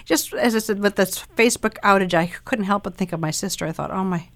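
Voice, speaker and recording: A woman radio host with a Boston accent, recorded close and dry. She speaks in a chatty, informal manner at an average pitch, moving between show introductions and interview questions. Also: fast talker, fairly bright tone, no echo.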